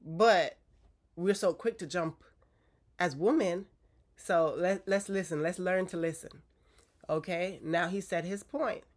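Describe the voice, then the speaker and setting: Stuffy from a cold, a woman in her forties gives her viewers direct, coaching relationship advice in a casual talk, often checking in with "okay?". She speaks slowly in a low voice, with long pauses.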